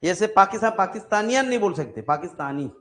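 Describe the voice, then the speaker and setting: A man's voice: high voice, lively intonation, fast talker. A man teaching a classroom grammar lesson, with an Indian English accent, explaining through many examples and often checking whether students understand.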